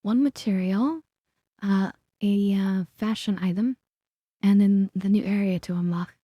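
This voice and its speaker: A woman's voice: medium pitch, steady tone, unhurried, mellow, breathy edge, no echo. A woman game streamer chatting casually while she plays.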